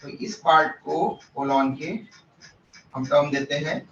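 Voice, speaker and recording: A man's voice: fairly high pitch, takes it slowly, fairly bright tone, a little hiss or hum. A man teaching a biology class in a classroom, explaining step by step, asking his students questions and mixing English terms into his Hindi. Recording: echoey room, distant mic, muffled.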